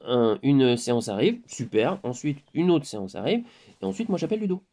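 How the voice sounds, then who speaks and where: Gravelly guy rambling through a story, laughs a lot, voice jumps all over the place, middle-aged. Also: mid-range voice, a little fast. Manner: animated storyteller, laughs often, acts out dialogue. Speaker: spiritual vlogger. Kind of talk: improvised casual monologue.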